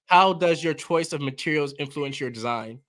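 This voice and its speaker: A man hosting a live interview show, excitable and playful, often laughing and reacting loudly. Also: a little high, moderate pace. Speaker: host.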